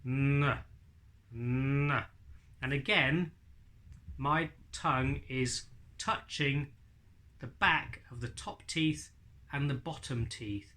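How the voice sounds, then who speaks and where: A man's voice: medium pitch, slow, long pauses, sharp tone. A man in his forties giving an informal spoken tutorial, explaining and demonstrating speech sounds as a ventriloquism teacher. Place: living room with bookshelves and leather sofa.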